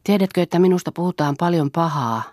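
A woman reading the part of a brooding, self-mocking older man in a low, quiet, reflective voice. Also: dry recording, studio quality, natural voice.

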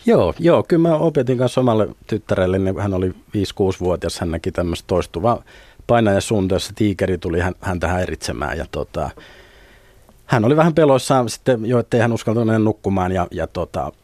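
A middle-aged man, a lucid dreaming instructor, explaining things in a relaxed way on a radio talk show and chuckling now and then. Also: deep voice, no room sound. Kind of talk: radio studio conversation. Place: radio studio.

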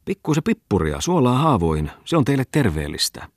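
A man's voice: medium pitch, sing-song, no echo, clean studio sound, voice pushed up. A man voicing a gleeful, mocking male schoolmaster who lectures a crowd in a raised, sneering tone, read from a storybook. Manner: sneering, preachy speechmaking.

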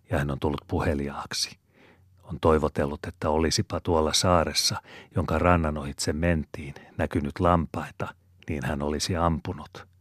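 Very deep, husky male reader. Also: no room sound, clean studio sound. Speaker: audiobook reader. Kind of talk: narrating a novel aloud.

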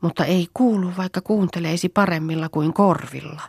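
A woman reading the part of an eager young farm girl who calls out high and loud in an audiobook. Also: creaky, slightly rough, no room sound, clean studio sound.

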